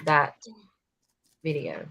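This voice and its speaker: A woman hosting a casual live chat, animated and teasing. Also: very slow, low-quality recording. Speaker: live show host.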